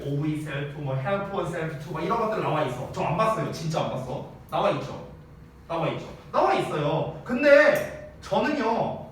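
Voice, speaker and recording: A man's voice: on the high side, recorded from a distance, a little hiss or hum. A man teaching a casual, joking English grammar lesson to a class, switching between polite and informal speech. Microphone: wearing a mask, mic some distance away. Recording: very echoey room, voice off-mic with faint ambience.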